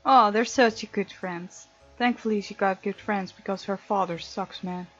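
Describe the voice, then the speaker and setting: Her medium-pitched voice is a bit bright and moves at normal speed as she hosts a let's play of a visual novel, reading the text aloud and offering comments. Game music plays under a dull, lo-fi mic recording.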